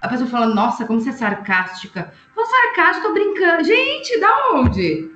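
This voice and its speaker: Lively woman explaining on an echoey line. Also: fairly high pitch, normal speed, dull audio. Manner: animated, explains with examples, frequent tag questions. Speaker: astrologer guest. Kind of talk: casual explanatory chat.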